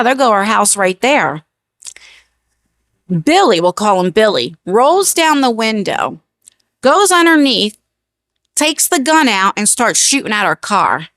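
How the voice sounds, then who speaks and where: A woman's voice: fairly high pitch, fairly bright tone, dry recording, studio quality. An American woman telling a personal story as a casual storytime vlogger, chatty and emphatic, repeating phrases and checking in with the listener.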